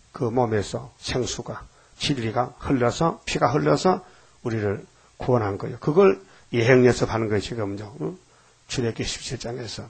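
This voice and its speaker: A man's voice: mid-range voice, gravelly, husky. A man preaching a sermon in a folksy, emphatic way, often putting rhetorical questions to the congregation.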